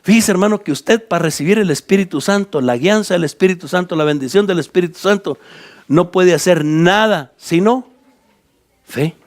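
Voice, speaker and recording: A man's voice: high-pitched, moderate pace. A Guatemalan man who is a pastor, teaching a Bible study to church leaders and explaining scripture point by point with direct questions to his listeners. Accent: Guatemalan Spanish.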